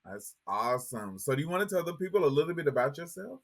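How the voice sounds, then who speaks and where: A man's voice: fairly high pitch, very animated, fast talker. A man hosting a podcast interview, reading an introduction and asking questions in an upbeat, welcoming way. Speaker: podcast host.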